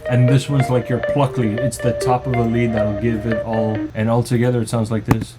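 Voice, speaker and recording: Speaking at a moderate pace in a medium pitch with little pitch movement, a male music producer loosely explains his own song in an informal tutorial walkthrough. He restarts now and then, and faint music plays in the background.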